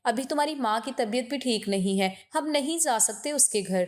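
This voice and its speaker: A woman's voice: on the high side, expressive, lightly acted. A woman reading the lines of a stubborn, dismissive older father in an audio story. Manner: curt, dismissive.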